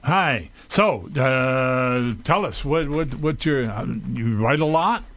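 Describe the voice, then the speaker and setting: A man's voice: mid-range voice, lively intonation, slow pace, a bit bright. A man interviewing a guest, chatty and encouraging, with hesitant phrasing. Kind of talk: casual interview.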